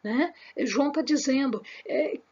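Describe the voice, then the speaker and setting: A woman's voice: high-pitched, a little slow, darkish tone, lo-fi sound. A woman giving a spoken Bible lesson to her viewers, emphatic and repetitive, with many fillers and restarts. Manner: speaks with her hands. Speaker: Bible study teacher.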